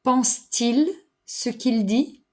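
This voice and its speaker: A woman teaching a French lesson, enunciating each phrase slowly and carefully. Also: a little high, darkish tone. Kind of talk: slow, clear language lesson.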